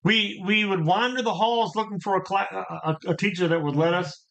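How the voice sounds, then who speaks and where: A man's voice: sits high, a little fast, gravelly, fairly bright tone. A middle-aged man hosting a casual chat about his gaming past, rambling and repeating words as he tells stories. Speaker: channel host.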